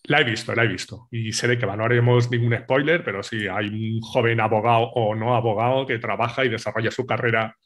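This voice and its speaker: A man hosting a podcast, asking relaxed questions with short backchannels. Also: mid-range voice, brisk, hardly any pauses. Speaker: podcast host. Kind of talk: casual interview chat.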